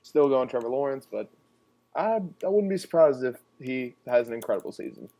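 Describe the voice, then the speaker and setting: A man's voice: medium pitch, animated, brisk, dark tone. A young man guesting on a casual sports podcast, laid-back and hedging his picks.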